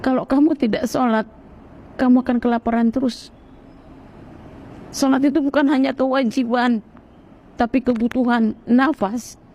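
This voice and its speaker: A woman from Sumatra gives a personal testimony in an earnest, animated way. Her voice sits somewhat high for a woman. She slips into other people's voices when she quotes them.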